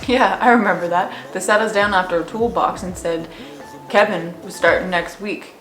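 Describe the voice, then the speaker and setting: A woman's voice: mid-range voice, normal speed, a bit bright, close to an everyday voice. A woman playing both parts of a re-enacted conversation, here voicing a blunt, careless male construction coworker. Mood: gossipy. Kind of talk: acted dialogue re-enactment. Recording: roomy echo, faint music.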